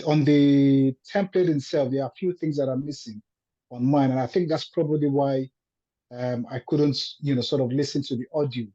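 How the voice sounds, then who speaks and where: Client on a video call, mid-pitched man, polite and hesitant, dull lo-fi sound. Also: mellow. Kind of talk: video call work meeting.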